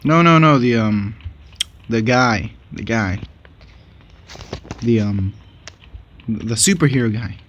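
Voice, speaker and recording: A man giving casual, excitable commentary while playing a game with a friend, laughing and trash-talking his opponent. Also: medium pitch, slow pace, long pauses, dull audio, slight background noise. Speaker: gaming channel host.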